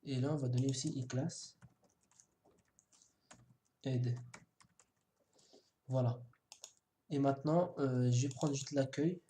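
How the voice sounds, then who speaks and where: A man's voice: mid-range voice, steady tone, slow, long pauses, warm tone. A man giving a casual coding tutorial, hesitant, with many fillers and restarts, now and then joking about himself. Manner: jokes self-mockingly. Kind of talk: screen-recorded coding tutorial. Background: keyboard typing and mouse clicks.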